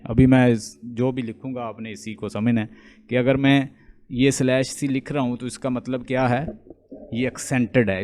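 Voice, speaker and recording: A man's voice: medium pitch, dark tone. A man with a Pakistani accent teaching English literature, explaining step by step and stopping often to ask his students checking questions. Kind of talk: classroom lecture explaining poetic meter.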